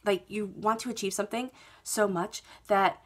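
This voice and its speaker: A tarot reader with a head cold sits indoors at a table, reading laid-out cards for her monthly reading to camera. She speaks soothingly and reassuringly, often checking in with "okay?", in a medium-pitched voice with fairly even intonation and a moderate pace.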